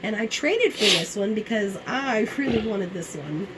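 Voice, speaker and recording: A woman's voice: mid-range voice, lively intonation, moderate pace, very noisy. A woman giving an enthusiastic, casual book haul review, chatting and reading blurbs aloud in a somewhat strained voice. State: strained voice, as she apologizes for it.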